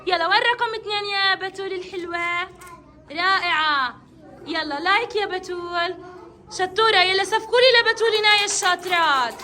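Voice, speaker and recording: High, bright-voiced woman teaching children. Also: a little fast, slight background noise. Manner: encouraging, coaxing, praising each child. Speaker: kindergarten teacher. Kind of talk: classroom counting lesson with children. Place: classroom.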